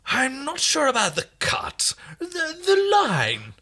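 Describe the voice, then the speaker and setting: A man's voice: very high-pitched, wildly swooping pitch, slow pace, sharp tone, voice pushed up, heavily acted. A man voicing a pompous, portly male alien royal who is vain and peevish, with haughty theatrical delivery.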